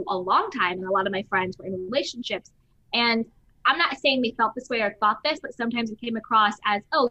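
A woman's voice: on the high side, pushed and bright, dry recording. A woman hosting a podcast in casual conversation, talking emphatically and acting out the voices she quotes. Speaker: podcast host. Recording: slightly dull lo-fi sound.

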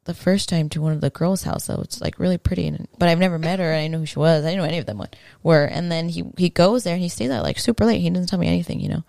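A woman's voice: on the low side, rapid-fire, vocal fry, a little mellow, no room sound. A woman guest on a podcast telling a personal story in a casual, frank way, full of slang and swearing. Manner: slangy and frank, swears freely, fillers like "bro".

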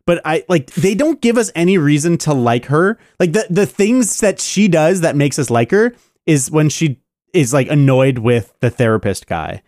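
A man's voice: on the high side, expressive, moderate pace, darkish tone, no echo, studio quality. A man co-hosting a podcast, ranting about a TV show with a lot of swearing. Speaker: podcast co-host. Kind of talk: casual podcast chat.

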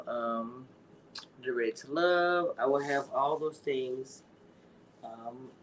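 A chatty woman in her forties hosts a casual livestream and talks straight to her viewers. Her words often stretch out in a relaxed, unhurried way. Faint background noise sits behind her voice. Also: a bass voice, low-quality recording. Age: 40s. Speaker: livestream host.

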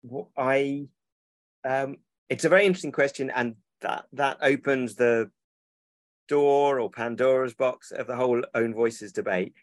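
A man's voice: medium pitch, unhurried, no room sound. A man, a children's book publisher who rambles and corrects himself in a casual interview over a remote call.

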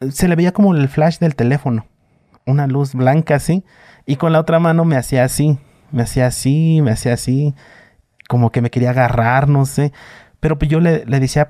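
Mexican man, twenties, mellow low-toned voice, dry close sound, rambling storyteller with lots of "este". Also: no echo. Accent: Mexican Spanish. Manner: many fillers, vivid retelling. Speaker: guest. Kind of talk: casual storytelling.

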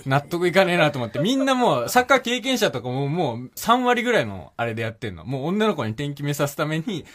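A man's voice: fairly high pitch, sing-song, fast, a bit bright. A young man from Okayama telling a self-deprecating story in casual chat, laughing often. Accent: Okayama dialect. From Okayama, Japan. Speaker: podcast co-host.

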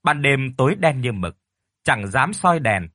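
A man narrating a ghost story in a dramatic, lively storytelling manner. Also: medium pitch, a little slow, dry recording, studio quality.

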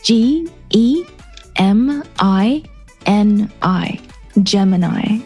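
Husky-voiced woman teaching English words. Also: medium pitch, expressive, extremely slow, mellow, faint music behind. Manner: patient, spells letter by letter and gives examples. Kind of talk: bilingual vocabulary teaching, spelling words out slowly.

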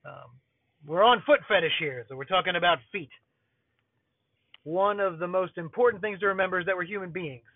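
A man's voice: sits high, brisk, pauses often, no room sound. A man hosting a podcast alone in a casual, unscripted, explanatory way, recorded inside a car over its built-in Bluetooth microphone with a tinny sound. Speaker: podcast host.

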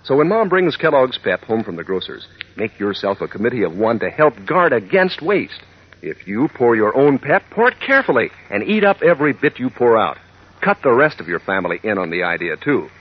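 A man's voice: medium pitch, big pitch swings, fairly quick, slightly rough. A man reading a scripted commercial as an old-time radio announcer, peppy, folksy and slangy in his salesmanship. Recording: dull, vintage radio recording.

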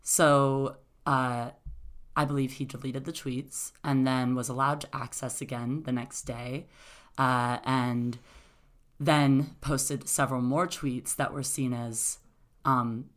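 A woman's voice: very deep voice, little pitch movement, takes it slowly. A woman in casual debate, laying out events step by step with frequent "uh" and "um.". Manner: explanatory, methodical, many "uh" and "um" fillers.

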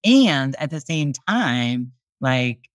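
A man's voice: medium pitch, sing-song, no echo, rough recording. Thoughtful man talking as a guest. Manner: thoughtful, unhurried, many hedges. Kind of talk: casual interview talk.

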